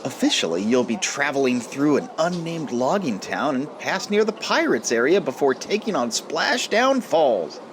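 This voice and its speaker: A man's voice: on the high side, very animated, moderate pace, hardly any pauses, slight background noise. A man hosting a ride video with upbeat scripted narration and a chatty way of addressing viewers. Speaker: host narrator of a theme park ride video. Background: music.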